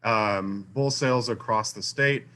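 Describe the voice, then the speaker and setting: A man's voice: lowish voice, unhurried, bright, forceful tone. A university faculty member giving an online talk, his mic cutting in and out so his volume rises and falls, with many fillers and restarts. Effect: mic cutting in and out, uneven volume. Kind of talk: online conference presentation. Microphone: video call mic.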